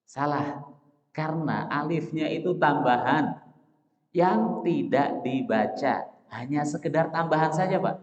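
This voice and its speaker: Male mosque lecturer, questions the room then answers himself, slow recited examples; roomy hall echo, dull lo-fi sound. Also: on the high side, expressive. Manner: asks the audience questions and answers them himself; addresses listeners as Pak, Bapak Ibu. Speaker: Islamic teacher. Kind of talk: dawn mosque study lecture.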